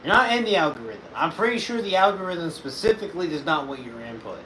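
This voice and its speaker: Joking profane male streamer, fairly high lively voice, echoey room, background noise. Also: fast talker. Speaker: streamer playing a game. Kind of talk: casual crude banter.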